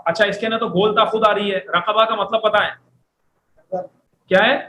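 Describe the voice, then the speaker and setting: Drilling Arabic vocabulary, a male teacher gets his class to echo each word back to him. He speaks at a moderate pace in a high, sharp voice with a steady tone. The room is echoey, with a faint hum of background noise.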